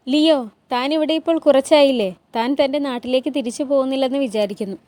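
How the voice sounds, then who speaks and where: A woman reading the part of a regal sultan who speaks with calm, measured authority. The voice is rather high and sits close and dry, with no room sound around it. The lines are told as a drama recap. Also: no echo, lightly acted.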